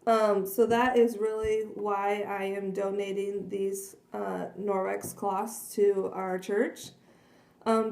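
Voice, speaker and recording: A woman walks through a cleaning demonstration in a chatty, earnest way, slightly hoarse as she loses her voice. Her tone is soft and mellow. The sound rings around an echoey kitchen. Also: mid-range voice. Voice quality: frequent throat clearing and coughs. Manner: chatty, earnest, many fillers. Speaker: product demonstrator. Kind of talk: casual product demonstration. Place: kitchen at home. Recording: echoey room.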